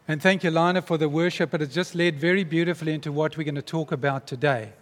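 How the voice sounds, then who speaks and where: A male pastor with a high-pitched voice preaches an earnest, emphatic sermon at a quick pace and a steady tone. Long reverb trails his words, the sound of a big church hall.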